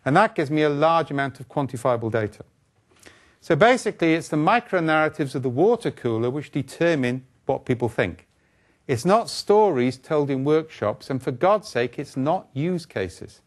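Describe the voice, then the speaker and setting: An older man giving a conference keynote lecture, brisk, wry and blunt, throwing in asides and rhetorical questions. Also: fairly high pitch, lively intonation. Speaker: keynote speaker. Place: conference stage, indoors.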